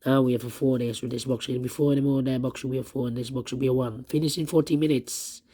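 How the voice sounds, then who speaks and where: A man who has partly lost his voice, walking through a puzzle step by step in halting, repetitive short phrases. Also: medium pitch, fairly even intonation, mellow, breathy edge. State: lost voice, strained and troubled. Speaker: puzzle tutorial host. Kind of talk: step-by-step puzzle walkthrough, thinking aloud.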